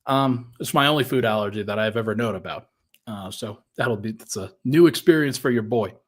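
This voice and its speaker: A man's voice: lowish voice, fairly quick. A man hosting a casual sports podcast, thinking aloud in a conversational way and sounding a little out of breath. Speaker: podcast host.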